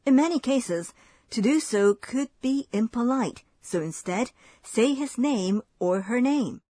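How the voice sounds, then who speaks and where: A woman with a slightly high, breathy voice reads a scripted language lesson. Her explanations are clear and measured. The recording is dry and close. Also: animated, mellow, no echo.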